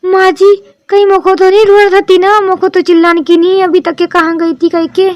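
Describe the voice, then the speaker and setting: A woman voicing a timid, grateful young widowed daughter-in-law in a cartoon drama, with a soft, meek manner. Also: very high-pitched, level tone, normal speed, no room sound. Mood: anxious.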